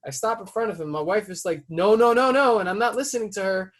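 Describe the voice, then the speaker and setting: A man hosting a podcast who tells a story in casual chat. He swears freely and breaks into loud, heated outbursts as he retells it. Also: sits high, fast talker. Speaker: podcast host.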